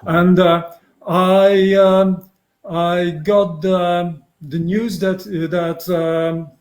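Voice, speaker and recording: Hesitant Polish-accented man, high voice. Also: flat delivery, drawn-out words. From Poland. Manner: hesitant, many fillers and restarts. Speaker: guest psychotherapist. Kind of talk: casual interview. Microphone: video call.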